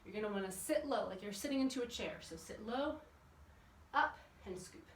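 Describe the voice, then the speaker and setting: Fairly quick and lively in intonation, her mid-range voice leads a children's workout. The kids' exercise and yoga teacher chats and encourages, putting questions to her young audience while instructing, and the recording is echoey and distant with background noise.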